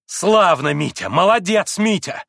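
A man reading an audiobook, voicing a proud young woman in bitter, shrill outbursts. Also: expressive, normal speed, no echo, clean studio sound. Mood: spiteful triumph. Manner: shrill, self-lashing outbursts.

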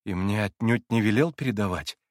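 A man voicing a gentle young man who is a tender younger brother, speaking in a soft, earnest, hesitant way. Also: on the low side, brisk, no echo, studio quality, close to an everyday voice. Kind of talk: audiobook character voice.

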